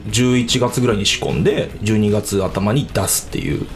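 A man co-hosting a radio talk show, reacting quickly and laughing along in casual chat. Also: fairly low pitch, soft background music.

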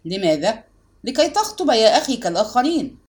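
A woman's voice: a little high, sing-song, a little fast, a little mellow. A woman reading a story aloud, voicing a stern but kindly male law professor who speaks firmly and commandingly to a lecture hall. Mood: insistent. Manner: firm, commanding, raises voice to the hall.

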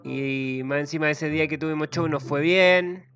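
A man's voice: a little high, moderate pace, a bit bright, dull audio, soft background music. A man with a Chilean accent doing a rambling, profane, self-mocking comedy monologue. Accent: Chilean Spanish. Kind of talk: comic monologue.

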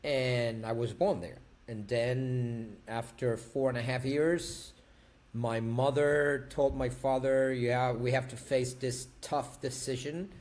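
A man's voice: mid-range voice, fairly even intonation, slow, darkish tone. A man, a guest on an interview, talking casually, laughing and repeating words for emphasis. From Argentina. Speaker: guest, actor and tango dancer.

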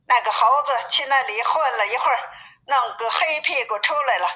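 A woman's voice: high voice, normal speed, sharp tone. A woman voicing a lazy, teasing male pig-man disciple from a storybook, mocking and grumbling, with a tinny phone-like sound.

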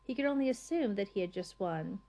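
Woman narrating with measured dryness. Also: medium pitch, lively intonation, warm tone. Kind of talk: scripted narration of a comic novel.

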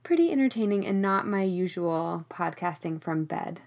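A woman's voice: on the low side, animated, normal speed, darkish tone. A woman hosting a podcast in a casual, chatty monologue, recorded in a small storage room with rain on the tin roof. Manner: chatty, conversational. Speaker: podcast host.

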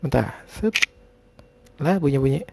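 Rambling informally on his solo podcast, an Indonesian host frequently pauses to search for words and lisps on his r sounds. He speaks a little slowly in a mellow, expressive mid-range voice with vocal fry. Slight background noise is present.

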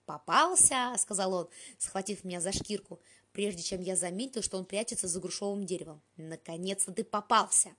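Woman audiobook reader, husky mid-pitched voice, wry deadpan storytelling. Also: brisk. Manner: dry, ironic first-person storytelling. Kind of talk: audiobook narration.

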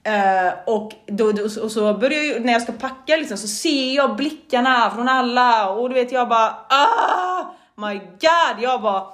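A woman's voice: a little high, hardly any pauses, fairly bright tone. A young woman co-hosting a podcast, telling a story in casual chat, swearing a lot and acting out her own reactions. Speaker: podcast co-host.

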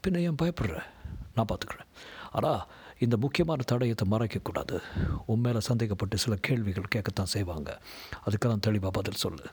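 A man's voice: fairly low pitch, animated, fairly quick, a little mellow, slightly rough. A man reading a story aloud, voicing a detective who speaks firmly and reassuringly. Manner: firm, reassuring. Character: calm, firm male detective.

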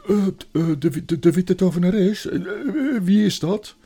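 Man doing a sulky young boy in a storybook, stammering, higher voice, gravelly. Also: animated, a little slow, dark tone, heavily acted. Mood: hesitant. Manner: stammering, hesitant.

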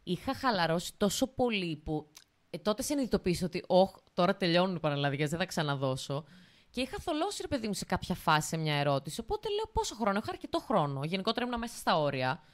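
A woman's voice: fairly low pitch, very animated. A young woman hosting a podcast, chatting casually, laughing often and using slang. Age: young adult. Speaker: podcast host. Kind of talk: casual chat.

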